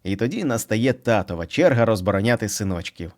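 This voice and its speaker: A man narrating a children's storybook in an expressive, playful reading. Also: lowish voice, brisk.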